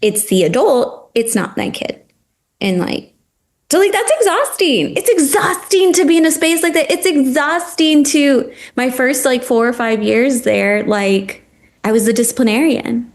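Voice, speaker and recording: In a casual podcast conversation, a high-pitched woman speaking at a measured pace shares her thoughts as a guest. She was formerly a teacher and talks with passion and animation, frequently saying "like."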